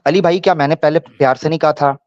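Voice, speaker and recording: A man's voice: on the high side, fast talker, no room sound, lo-fi sound. Mocking male panel host. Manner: mocking, animated storytelling. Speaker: debate show host. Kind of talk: live-streamed panel discussion.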